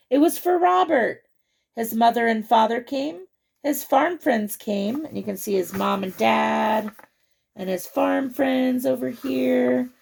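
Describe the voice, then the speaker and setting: At a children's storytime, the host, a woman whose fairly high voice is full of heavy, crackling fry, reads a picture book with expression. Between passages she talks with her young audience, pointing out the pictures and asking them questions.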